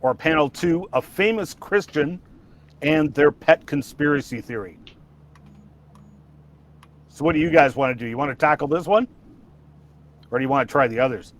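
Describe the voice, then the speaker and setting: A man with a fairly high voice hosts a casual livestream from his home setup. He rambles a little, restarts his sentences and chuckles between thoughts. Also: moderate pace, long pauses. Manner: rambling, restarts, frequent laughter. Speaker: livestream host.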